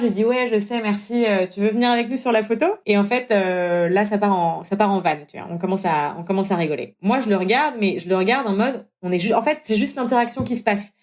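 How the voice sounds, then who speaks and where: A young woman tells her own story in a relaxed podcast chat. Her pitch sits in the middle, and she jumps up high when she mimics people or gets worked up. The delivery is animated and casual. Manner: animated, acts out dialogue with big pitch jumps. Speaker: guest telling her story.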